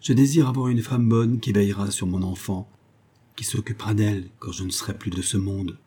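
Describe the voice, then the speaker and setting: A man reading an audiobook, voicing a simple, earnest widowed father who speaks gravely. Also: mid-range voice, fairly quick, warm tone, lightly acted.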